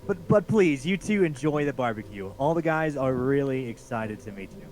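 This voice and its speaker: A man's voice: medium pitch, expressive, normal speed, darkish tone, a little hiss or hum, natural voice. A man voicing a polite, cheery suburban dad welcoming a new neighbor in a dating game read-through. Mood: hospitable. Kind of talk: voicing visual novel characters on a live stream.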